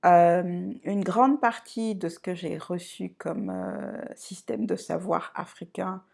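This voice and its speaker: A woman from Côte d'Ivoire and France introducing herself on her channel, speaking in a reflective, unhurried way and often pausing to search for words. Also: on the low side, animated, gravelly, darkish tone. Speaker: channel host. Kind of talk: personal introduction vlog.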